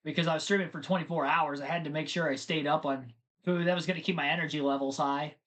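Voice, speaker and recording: A man's voice: fairly high pitch, steady tone, fast talker, a bit bright. A man hosting a live race stream, chatting casually and rambling to his viewers between race updates. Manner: chatty, rambling, talks to chat.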